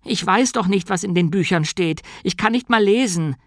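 A man's voice: sits high, normal speed, fairly bright tone, no room sound, clean studio sound, pitched above the performer's own voice. A man voicing a simple, anxious young male novice who talks in a bewildered, earnest way in an audiobook.

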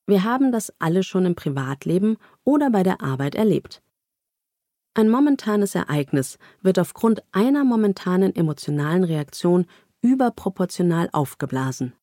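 A woman reading nonfiction narration aloud in a calm, even, measured way. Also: fairly low pitch, no echo, studio quality. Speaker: audiobook narrator.

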